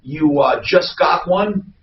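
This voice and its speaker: A man's voice: a little high, slow pace. A man hosting a radio show, delivering an emphatic spoken sponsor endorsement. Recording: distant, echoey, noisy, dull sound.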